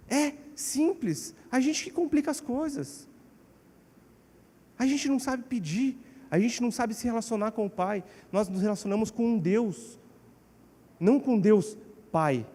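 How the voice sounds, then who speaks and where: A man with a Brazilian Portuguese accent preaching a sermon in a church, animated and acting out quotes. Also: husky. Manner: animated, acts out quotes with shifting pitch. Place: church hall. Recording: church hall with long reverb.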